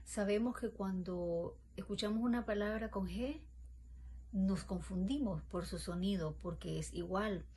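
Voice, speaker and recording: A woman gives a class presentation on spelling rules, explaining as she goes with fillers and restarts. Her voice is mid-pitched, with a faint noise in the background. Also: unhurried, a little mellow. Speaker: student presenter.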